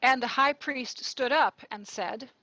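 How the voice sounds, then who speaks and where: A woman narrating a gospel reading in a church service, clear and measured. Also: high-pitched, pushed and bright, dry recording, lo-fi sound. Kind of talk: liturgical scripture reading.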